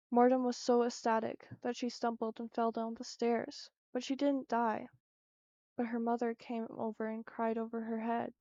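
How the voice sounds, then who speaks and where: A woman reading her own short story aloud at a steady, careful pace. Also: a little high, gravelly, dry recording, highs cut off.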